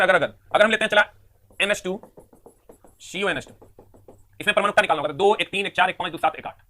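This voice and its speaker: A man's voice: sits high, pushed and bright. A man teaching a live online chemistry class, drilling terms and counting atoms aloud over and over.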